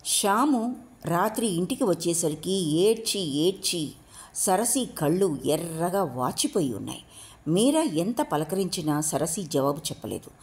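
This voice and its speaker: Expressive low-voiced woman narrator. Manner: expressive, measured reading. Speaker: audiobook narrator. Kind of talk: storytelling narration.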